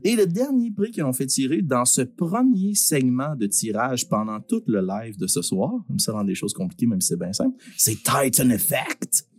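A Québécois man hosting a live giveaway in a booming prize-announcer manner, informal and joking, with some swearing. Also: expressive, normal speed, few pauses, a little mellow, no room sound. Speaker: host of a live-streamed prize draw.

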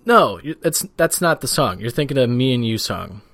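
A man's voice: mid-range voice, sing-song, moderate pace, a bit bright, no room sound. A man co-hosting a podcast in casual chat, loose and profane, laughing easily. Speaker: podcast co-host.

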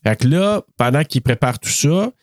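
Animated Québécois man retelling a film. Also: mid-range voice, normal speed, dry recording, clean studio sound. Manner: animated retelling with many fillers. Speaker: podcast co-host. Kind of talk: casual film discussion.

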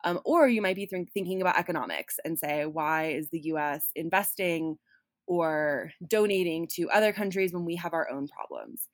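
A woman with a low voice hosts a casual podcast conversation. She rambles a little, filling pauses and restarting her thoughts. The sound is dry and close. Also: no echo. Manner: rambling, many fillers and restarts. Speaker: podcast host.

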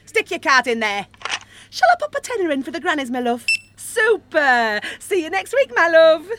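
A woman's voice: extremely high pitch, big pitch swings, moderate pace, background noise, voice pushed up. A woman playing a pushy, flirty female office charity collector, bossy and teasing. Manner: bossy, teasing, sing-song.

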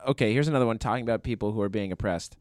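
A man on a podcast reading out news headlines in a measured way. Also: on the low side, a little mellow, smooth, dry recording. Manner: measured, reads headlines aloud. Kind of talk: casual chat.

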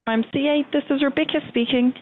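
A woman receptionist, heard over the phone and talking quickly and helpfully in a businesslike way. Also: sits high, fairly even intonation. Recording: tinny phone line.

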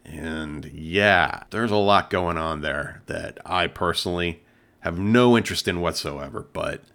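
A man's voice: low-pitched, measured pace, vocal fry, a bit bright. A man co-hosting a home theater tech show in casual chat, talking things through and chuckling between points.

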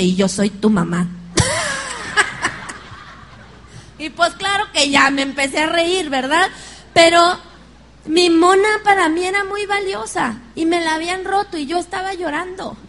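High-voiced Mexican woman preaching. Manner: lively storytelling, laughs along with the congregation. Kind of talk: sermon.

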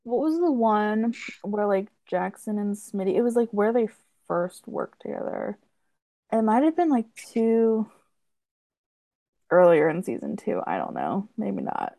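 A woman's voice: mid-range voice, very animated, a little slow, dark tone, no room sound. A woman co-hosting a podcast, chatting casually and recapping episodes with lots of fillers. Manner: chatty, many fillers, quotes characters with laughs. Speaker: podcast co-host. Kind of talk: casual chat recapping a TV show.

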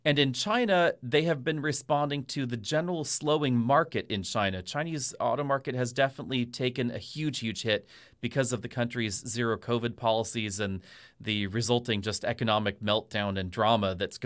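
A man's voice: mid-range voice, moderate pace, a bit bright. A man speaking as a podcast commentator, giving conversational analysis in an explanatory, long-winded way. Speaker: automotive industry commentator on a podcast.

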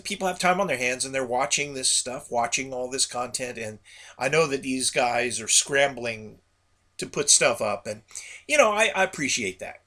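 Male podcast host, gravelly voice, forceful bright tone, mid-range pitch, casual rambling monologue, folksy and conversational.

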